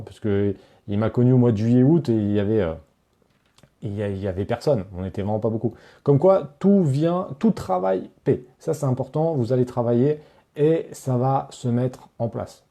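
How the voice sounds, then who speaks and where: A brisk man with a medium-pitched, dark voice hosts a live Q&A for his online courses. Speaking directly to viewers, he reads chat questions aloud and answers in a loose, casual way full of fillers and restarts.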